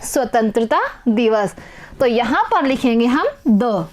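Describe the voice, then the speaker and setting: A woman's voice: on the high side, animated, takes it slowly, darkish tone. A young woman teacher giving a patient, repetitive lesson to young children, asking questions and answering them herself. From Rajasthan, India.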